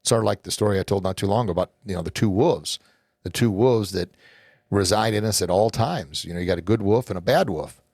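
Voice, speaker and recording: Middle-aged male podcast host, low voice, earnest and rambling, dry close sound. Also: vocal fry, breathy edge, no echo. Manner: earnest, rambling, repeats words when starting sentences. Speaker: podcast host and hockey coach. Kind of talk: motivational podcast monologue.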